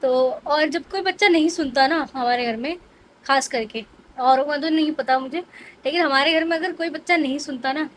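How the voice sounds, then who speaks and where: A woman's voice: high-pitched, fairly bright tone, a little hiss or hum, poor audio. A young woman, talking casually to camera in a home vlog, chatty and rambling as she explains herself. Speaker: family vlogger.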